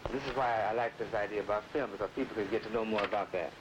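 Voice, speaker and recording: Rushed activist man in old newsreel audio. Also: lowish voice, steady tone, background noise. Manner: loose and rushed, with "you know" and "you see" tags. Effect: old newsreel film sound. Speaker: activist interviewee. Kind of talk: archival interview.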